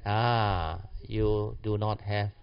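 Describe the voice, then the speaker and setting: A man teaches informally in colloquial Malaysian-accented English, full of clipped slang phrases and particles. His voice is on the low side and his pace is very unhurried. The recording sounds somewhat dull and lo-fi. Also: fairly even intonation, creaky, smooth. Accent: Malaysian or Singaporean English. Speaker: Buddhist teacher. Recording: muffled, dull lo-fi audio.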